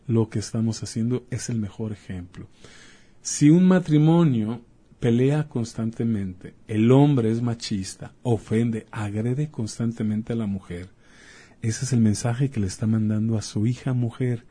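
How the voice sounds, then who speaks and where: A man with a warm, mellow and slightly husky voice, talking like a doctor on a chat show. He explains by acting out short dialogues and firing off rhetorical questions. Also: medium pitch, a little slow. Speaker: doctor guest. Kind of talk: casual talk-show chat.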